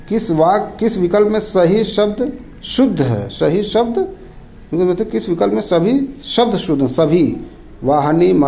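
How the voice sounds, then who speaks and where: A man's voice: a little high, creaky, dark tone, low-quality recording. A man tutoring Hindi exam questions, reading each option aloud and naming the wrong one. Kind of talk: rapid quiz walkthrough.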